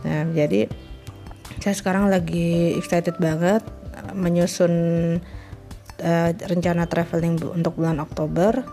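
Chatty woman with a lowish voice. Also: level tone, unhurried, pauses often, mellow, soft background music. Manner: chatty, laughs often, mixes in English words. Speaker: freelance scriptwriter. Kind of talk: casual personal monologue.

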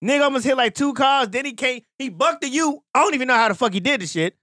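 A young adult man co-hosting a podcast, ranting in profane, animated casual chat full of slang. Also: very high-pitched, fast talker, no room sound, studio quality. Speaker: podcast co-host.

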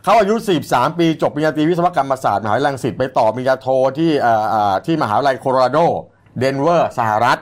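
A man co-hosting a casual political news talk show, talking in an animated way with frequent restarts. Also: medium pitch. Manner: animated, brisk, many restarts.

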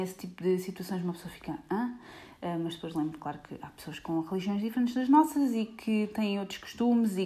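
A woman with a European Portuguese accent, speaking in a slightly low voice. She works as an airport security screener and chats casually and animatedly to her viewers, speaking to them directly and filling her pauses with little hesitations. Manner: chatty, animated, frequent fillers, addresses viewers directly.

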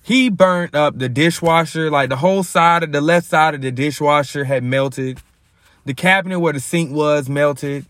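A man telling a story to his viewers in a casual, lively, slangy way. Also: on the high side, normal speed, no echo, clean studio sound. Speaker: vlogger.

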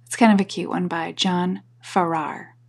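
A woman hosting a podcast, chatting casually and reading poems in a soft voice that drops into whispers. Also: lowish voice, fairly even intonation, moderate pace, vocal fry. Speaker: podcast host. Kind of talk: casual talk and poetry reading.

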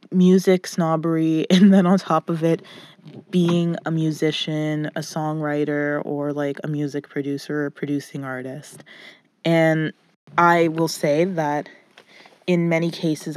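A woman's voice: low voice, darkish tone. Muffled, dry-sounding woman podcasting from a closet. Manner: informal, rambling, halting with repeated words. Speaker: podcast host and music producer. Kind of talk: casual solo podcast talk. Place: recorded in a small clothes closet indoors. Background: nothing, little reverb.

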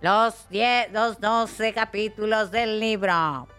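A woman's voice: medium pitch, takes it slowly, a bit bright, clear, resonant tone, faint music behind. A woman with an Argentine accent co-hosting a casual comedic radio chat, playful and jokey. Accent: Argentine Spanish. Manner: playful, jokey, reads list aloud. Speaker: radio show co-host.

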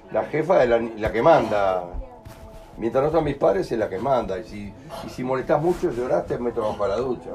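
A man with a Rioplatense Spanish accent explains to a group at a middle pitch. He talks in an animated way and slips into quoted voices. Soft music plays faintly in the background. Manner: animated, acts out quoted voices, keeps asking "¿entendés?". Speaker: group workshop leader.

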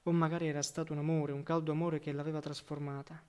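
A man narrating a literary audiobook in a measured, reflective way. His voice sits a little high for a man, and phrase endings drop softly and quietly. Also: flat delivery, clean tone. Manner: measured, reflective reading with soft trailing endings.

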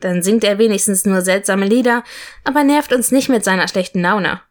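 Teasing young male dark mage, soft murmur, affectionate, storybook lover, read by a woman. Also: medium pitch, normal speed, natural voice. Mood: dry.

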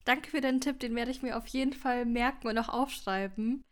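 Curious female interviewer, fairly high voice, friendly questions. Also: brisk.

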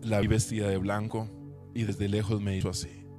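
A man preaching a sermon in church, telling a personal testimony with emotion, rising to loud preaching and dropping to hushed recollection. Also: on the low side, flat delivery, normal speed, soft background music. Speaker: pastor. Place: church service.

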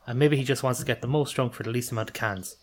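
A man's voice: medium pitch, steady tone, fast. An Irish man talking casually in a group chat as a podcast co-host.

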